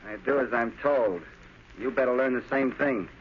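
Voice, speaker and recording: A man's voice: mid-range voice, normal speed, slight background noise, lightly acted. Man acting a surly gangster henchman, dull old recording. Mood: menacing. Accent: American. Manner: curt, slangy, threatening. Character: tough, menacing male gangster henchman, slangy and surly. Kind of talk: 1930s radio crime drama acting.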